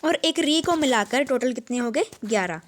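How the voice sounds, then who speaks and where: A woman with a Punjabi accent teaching an exam-prep grammar lesson, asking questions and answering them herself, and sounding out vowels slowly. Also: high voice, animated.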